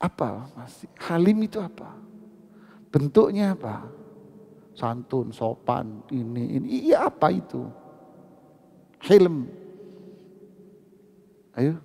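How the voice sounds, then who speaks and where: Animated gravelly man preaching in a mosque hall. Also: medium pitch, takes it slowly, pauses often. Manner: animated, teasing, asks the audience questions. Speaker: ustadz giving a mosque study session. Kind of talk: lively mosque sermon with jokes and questions to the congregation.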